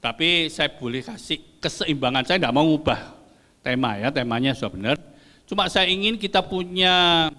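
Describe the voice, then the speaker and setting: Older male pastor, bright high voice, playful preaching with long hall reverb. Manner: lively, joking with the congregation, mixing in Javanese. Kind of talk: sermon. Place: church hall.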